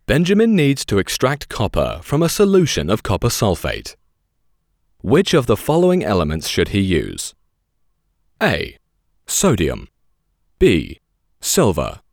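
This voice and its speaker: A low-pitched man delivers scripted narration with very animated intonation. His announcing is measured and clearly articulated. The sound is close and dry, as from a studio microphone. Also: dry recording. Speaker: voice-over narrator. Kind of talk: scripted narration, voice-over demo reel.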